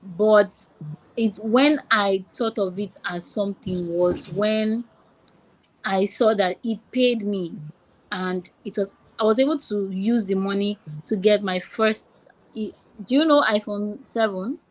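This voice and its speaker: In poor-quality audio, a young Nigerian woman speaks slowly at a medium pitch. She's a casual podcast guest with a Nigerian accent who tends to restart sentences and repeat herself.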